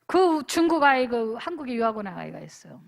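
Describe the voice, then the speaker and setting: A woman's voice: a little high, brisk, vocal fry. A woman pastor preaching a youth retreat sermon, telling stories, acting out what people said and calling out for amens. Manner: animated, calls for amens; storytelling, acts out dialogue.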